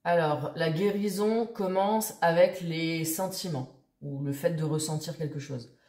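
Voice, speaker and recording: A woman's voice: deep voice, a little slow, darkish tone, roomy sound. A woman vlogger chatting casually to her viewers, rambling with many fillers and restarts. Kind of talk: casual chat to camera.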